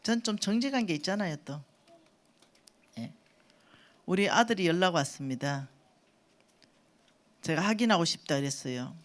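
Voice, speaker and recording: Animated woman preaching. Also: lowish voice, moderate pace, pauses often. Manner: animated, acts out her own quoted thoughts; laughs while telling stories. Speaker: church elder preaching. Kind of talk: storytelling sermon.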